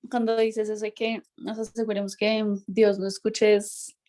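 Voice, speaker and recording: Soft-spoken woman with a flat voice. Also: mid-range voice, moderate pace. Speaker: study participant.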